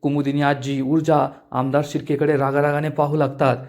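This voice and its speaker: A man recapping a TV serial episode in an animated, storytelling way. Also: on the high side, brisk. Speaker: TV serial reviewer.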